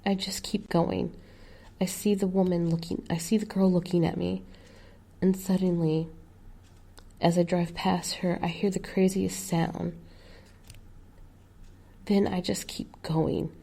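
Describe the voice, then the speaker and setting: A woman narrating a first-person horror story, slowly and often dropping into a whisper. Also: lowish voice, little pitch movement, creaky, mellow.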